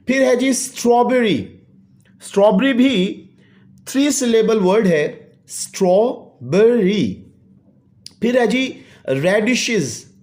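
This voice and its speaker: A teacher with a mid-range, slightly mellow voice patiently explains an English lesson to children. Each English line is read aloud and then translated, with polite fillers added along the way.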